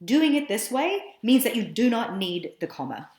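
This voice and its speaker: A woman's voice: a little high, big pitch swings, normal speed, darkish tone. A woman teacher narrating a screencast lesson in an explanatory, conversational way with some fillers. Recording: roomy echo.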